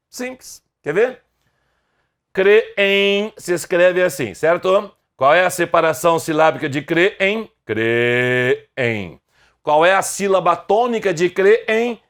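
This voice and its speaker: A middle-aged Brazilian man teaching an online grammar lesson, slow and deliberate, asking his viewers question after question. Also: high-pitched, a bit bright.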